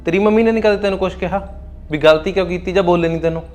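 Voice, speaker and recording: A man's voice: rapid-fire, darkish tone, slight background noise, natural voice. An actor with a Punjabi accent playing a young husband who lectures his wife and soothes his parents in a short drama. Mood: scolding. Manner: firm, lecturing, mostly low-voiced. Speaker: son and husband. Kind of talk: Punjabi short film acting.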